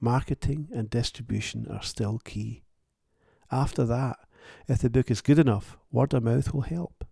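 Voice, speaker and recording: Gravelly man, wry monologue. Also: medium pitch, moderate pace, dark tone, no echo, clean studio sound. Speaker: author and podcast host. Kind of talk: reflective solo monologue.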